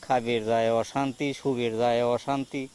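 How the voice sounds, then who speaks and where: An actor playing an anxious youngest brother urging for a way out. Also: male voice, medium pitch, flat delivery, darkish tone, clean tone, no echo, lightly acted. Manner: urgent, quick pleading.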